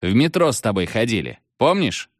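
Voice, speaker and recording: A man voicing a seventh-grade schoolboy who shouts urgently down a payphone. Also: mid-range voice, very animated, no echo, clean studio sound, voice pushed up. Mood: ominous. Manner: loud, urgent, hurried shouting. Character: excitable schoolboy on a payphone, about thirteen.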